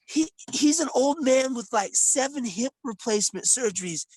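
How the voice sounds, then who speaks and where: A man's voice: extremely high pitch, animated, normal speed, darkish tone, no echo. Worked-up guy ranting on a podcast, swears a lot, dry sound. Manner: impassioned, swearing, rambling rant. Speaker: podcast co-host. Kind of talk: casual chat.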